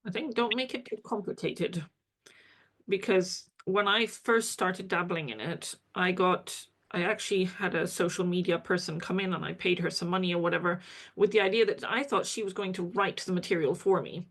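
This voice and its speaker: A woman's voice: lowish voice, normal speed, fairly bright tone. A woman practitioner being interviewed, reflecting candidly and retelling her own experiences. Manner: reflective, candid, tells stories with quoted asides. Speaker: kinesiology practitioner, guest. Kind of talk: conversational interview.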